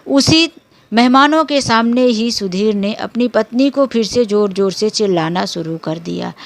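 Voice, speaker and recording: A woman narrating a dramatic family story in an unhurried, emotional storytelling manner. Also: medium pitch.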